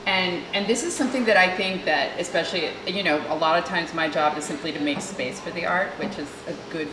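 A woman moderates a roundtable discussion as a theater leader. She speaks thoughtfully, restarting and repeating words as she works toward her point. Her voice sits low and is recorded in an echoey room with clear background noise. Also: brisk. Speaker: theater artistic director, moderator.

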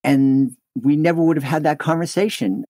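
A man's voice: on the high side, normal speed, a little mellow, no echo, clean studio sound. A man with an American accent talking as a podcast guest, telling anecdotes conversationally and acting out quotes. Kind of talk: conversational interview storytelling.

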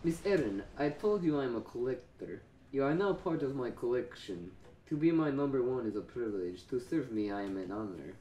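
A man's voice: medium pitch, very animated, moderate pace, mellow, muffled recording, natural voice. A man voicing a smug, menacing male alien space-pirate villain in a theatrical mock-villain tone, recorded in an echoey room with faint background noise. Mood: gloating.

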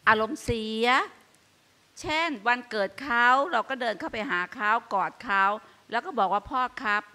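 An older woman offers Buddhist advice on a live radio show, her voice bright and clear. She talks earnestly and with animation, stacking up everyday examples. She speaks from a meditation hall before an audience. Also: a little high, animated, moderate pace. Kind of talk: dharma talk on live radio.

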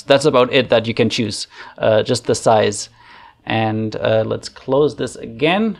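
A German-accented man in his thirties, working as an online facilitation trainer, walks through a screen-share software tutorial from a room at home. Speaking casually into an arm-mounted desk microphone, he thinks aloud with fillers, his medium-pitched voice showing vocal fry.

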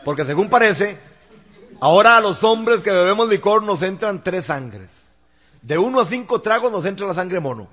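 A man's voice: high-pitched, animated, normal speed, a bit bright, slightly rough. A man with a Costa Rican accent telling jokes in a stand-up comedy routine, chuckling as he goes, on a lo-fi recording. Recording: lo-fi dull recording.

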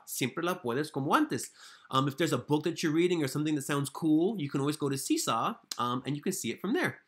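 A man's voice: a little high, fairly bright tone. A man teacher who switches between Spanish and English as he patiently walks young pupils through their weekly lessons. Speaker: elementary school teacher. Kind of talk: remote class walkthrough for young pupils.

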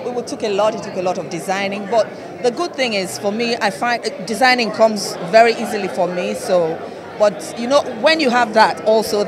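Woman interviewed amid a busy crowd. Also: medium pitch. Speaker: fashion designer being interviewed. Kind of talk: casual red carpet interview. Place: indoor red carpet at a fashion event. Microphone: interviewer's handheld microphone. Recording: busy event crowd behind voice.

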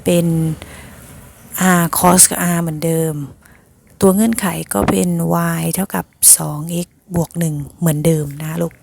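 A woman's voice: lowish voice, fairly even intonation, a little slow, creaky, a little mellow, slight background noise. A woman teacher patiently explaining a math lesson to her students, often calling them "child" affectionately.

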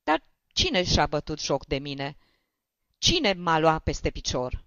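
A woman voicing a young male novice lawyer, crying with shame in high, strained, wailing outbursts. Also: very animated, a bit bright, dry recording, full character voice. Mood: hurt. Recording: dull lo-fi dry recording.

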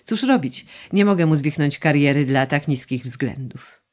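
A woman reading the lines of a fussy noble mother who gushes, complains and coaxes her son for money, with a lively, sing-song delivery. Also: low voice, normal speed. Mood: plaintive. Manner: gushing, complaining, coaxing. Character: fussy aristocratic mother, middle-aged woman, plaintive. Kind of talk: audiobook dialogue reading.

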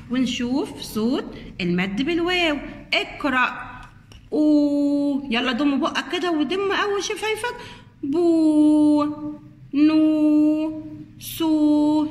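An Egyptian woman teaching young children, stretching out syllables in a coaxing sing-song. Her voice is high and very lively, and the room around her echoes. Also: moderate pace. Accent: Egyptian Arabic. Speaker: kindergarten teacher. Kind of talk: children's lesson, sounding out syllables.

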